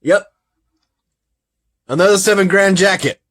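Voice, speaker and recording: A man hosting a casual podcast review, talking in an animated way, reading results aloud and laughing often. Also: high voice, a little slow. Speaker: podcast host.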